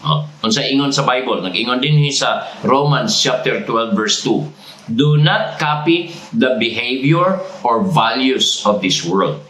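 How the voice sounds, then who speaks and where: A man with a Cebuano accent preaching a sermon as pastor, repeating each point deliberately and prompting the congregation to say phrases back. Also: mid-range voice, lively intonation, fairly bright tone, echoey room, poor audio. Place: church sanctuary.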